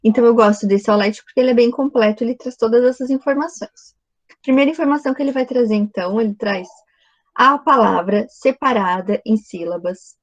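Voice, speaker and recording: A woman's voice: fairly high pitch, fairly quick, low-quality recording. A woman teaching a recorded video lesson, explaining step by step and often checking in with the class.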